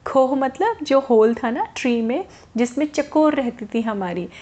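A woman's voice: high voice, animated, unhurried, dark tone, muffled recording. A woman telling a story to children in a chatty way, stopping to explain words to them.

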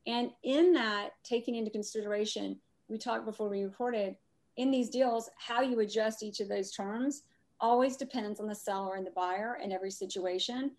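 A woman's voice: mid-range voice, normal speed, a little mellow. A chatty woman with a Southern US accent, co-hosting a live real estate podcast and rambling in easy, laughing talk. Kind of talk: casual live podcast chat.

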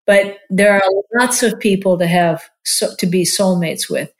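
A woman's voice: medium pitch, measured pace. A woman in her sixties, a marriage and family therapist, talking casually in an interview and often using "like" as a filler. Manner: chatty, warm-hearted, many "like" fillers.

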